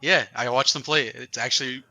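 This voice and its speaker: A young man co-hosting a podcast, cutting in quickly in casual chat. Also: mid-range voice, steady tone, pushed and bright, dry recording. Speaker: podcast co-host.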